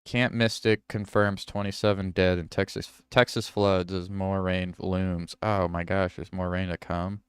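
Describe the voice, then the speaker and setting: A man's voice: sits low, level tone, unhurried, few pauses, smooth, no echo. A man hosting a livestream, reading news headlines aloud and reacting to them, with self-corrections. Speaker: livestream host.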